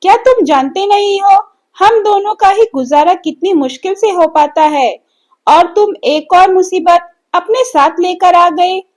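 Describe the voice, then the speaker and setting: A woman voicing a greedy, scheming village wife who talks in a sharp-tongued, scolding way. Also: very high-pitched, unhurried.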